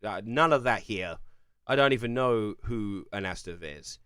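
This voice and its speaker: Young English streamer from Kent, casual and rambling, lively pitch, dry close recording. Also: male voice, normal speed, clean tone, no echo. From England. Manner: rambling, chatty, lots of fillers and restarts. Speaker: streamer answering chat. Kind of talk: casual live-stream chat.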